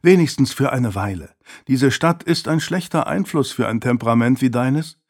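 A man voicing a gentle, pleading middle-aged aunt in an audiobook reading. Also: mid-range voice, expressive, normal speed. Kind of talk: audiobook character voice.

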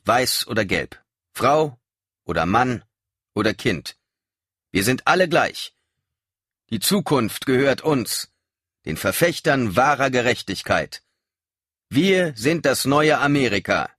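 A man voicing a fierce militant woman who leads a revolutionary cell, loud and biting in her mockery. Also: on the low side, big pitch swings, moderate pace, vocal fry, dry recording, studio quality, voice pushed up, full character voice. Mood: chanting loud.

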